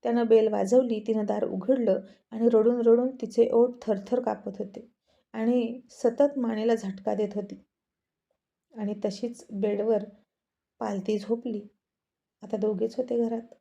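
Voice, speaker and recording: Gravelly, dark-voiced woman storyteller. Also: on the high side, steady tone, measured pace, pauses often, muffled recording. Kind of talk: storytelling narration.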